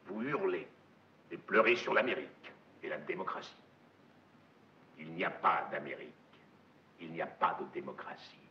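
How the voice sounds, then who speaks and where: An actor playing a domineering, messianic corporate magnate in a film monologue, with hammy, theatrical stage declamation and a gravelly voice. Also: male voice, low voice, measured pace, a little hiss or hum. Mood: hushed, evangelical. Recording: dull, echoey film soundtrack.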